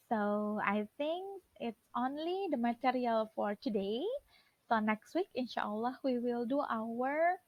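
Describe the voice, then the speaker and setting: A woman teaches an English class, chatting along and sprinkling in English phrases. Her voice sits a little high with a gravelly edge. The recording is dry and somewhat dull, lo-fi. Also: dry recording. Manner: chatty, mixes English into Indonesian, laughs at own slips. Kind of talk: recorded online class lecture.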